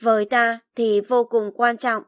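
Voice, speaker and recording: A woman voicing a composed young noblewoman who speaks quietly, calmly and firmly, in audiobook narration. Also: on the high side, unhurried, no room sound, studio quality, lightly acted. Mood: resolute. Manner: quiet, calm and firm.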